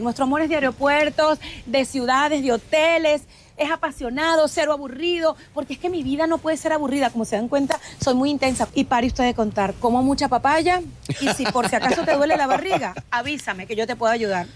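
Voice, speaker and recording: A woman's voice: high-pitched, a little fast, a little hiss or hum. A Venezuelan woman giving a playful, dramatic self-introduction as a recorded greeting. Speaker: guest sending a recorded greeting.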